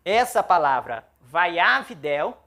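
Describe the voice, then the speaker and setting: Pastor-teacher, slow delivery, bright gravelly tone, patient classroom style, repeats syllables. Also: male voice, sits high, sing-song. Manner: patient, checks understanding with frequent "ok?"; spells out syllables slowly and repeats them. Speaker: pastor teaching biblical Hebrew. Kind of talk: classroom-style language lesson.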